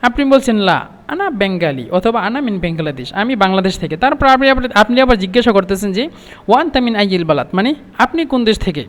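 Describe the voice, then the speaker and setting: A man from Bangladesh teaching a spoken language lesson, explaining slowly and repeating each phrase. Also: high-pitched, big pitch swings, long reverb tail.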